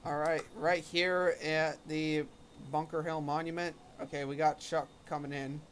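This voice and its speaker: A man's voice: on the high side, flat delivery, a little slow, slight background noise. A man hosting a casual gaming stream, chatting with friends and narrating his flight aloud. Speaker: streamer and host.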